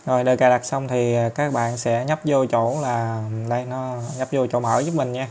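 A man with a Southern Vietnamese accent talking viewers through an app tutorial step by step, chatty and filling pauses often. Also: mid-range voice, level tone, a little mellow, a little hiss or hum. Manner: chatty, step-by-step, many fillers and tag particles. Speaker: tutorial host. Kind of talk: screen-recorded app tutorial.

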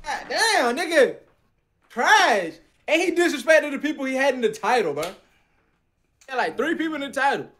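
A man's voice: very high-pitched, normal speed, a little hiss or hum. A young man reacting on a video call in casual, rowdy, slangy chat with plenty of swearing. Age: young adult. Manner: animated, profane, slangy. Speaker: guest reactor to amateur rap songs. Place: indoor room, video call.

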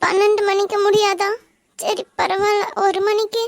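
Teenage schoolgirl, very high squeaky voice, gravelly, timid and pleading, Kanyakumari Tamil accent, cartoon. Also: flat delivery. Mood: grateful. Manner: hesitant, pleading, quick to tears. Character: shy poor teenage schoolgirl, hard of hearing. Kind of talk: animated cartoon dialogue.

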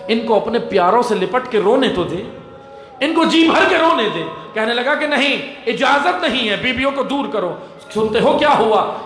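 A male cleric with a Pakistani Urdu accent delivers an impassioned sermon that rises to shouted grief. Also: high voice. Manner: impassioned oratory rising to shouted grief in the narrated scenes. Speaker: Shia cleric giving a majlis sermon. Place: large mourning hall. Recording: echoey hall with long reverb.

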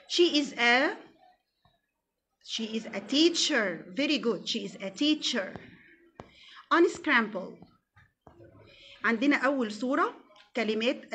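A young Egyptian woman teaches English to small children in a slightly high voice. She draws each word out very slowly and repeats it for the class to echo. Faint background noise sits under the recording. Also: a bit bright. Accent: Egyptian Arabic. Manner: slow, deliberate English drills with repeated words, quick Arabic explanations. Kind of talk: classroom lesson with call-and-repeat drills.

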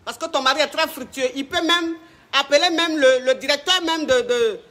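A man's voice: very high-pitched, moderate pace, sharp tone. A man hosting a comic call-in show as a flamboyant, bossy self-styled coach who mixes broken English with French.

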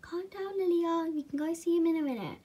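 Woman voicing a patient stable owner, calm and unsure, high voice. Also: fairly quick. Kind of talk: toy horse movie voice-over.

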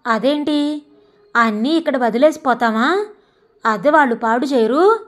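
Proud, wounded elderly mother with a sharp, scolding edge, read by a woman narrator; storybook reading, pitch sitting fairly high. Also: expressive, unhurried. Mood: puzzled. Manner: bitter, scolding.

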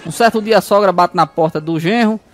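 A man's voice: sits high, brisk, crowd noise, noisy background. A man telling mother-in-law jokes, chuckling through his punchlines and acting out the voices. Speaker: stand-up comedian.

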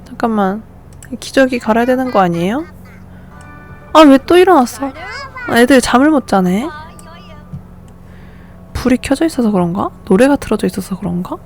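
Higher-pitched woman fussing over game. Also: animated, normal speed, pauses often, a little mellow, a little hiss or hum. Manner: fussing, exclaiming, coaxing sleepy babies. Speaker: gameplay streamer. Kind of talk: casual game commentary.

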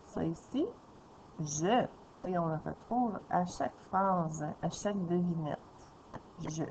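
A woman teacher leading a slow, patient reading lesson for young children, sounding out syllables. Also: lowish voice, animated, darkish tone, a little hiss or hum. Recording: slightly dull lo-fi recording.

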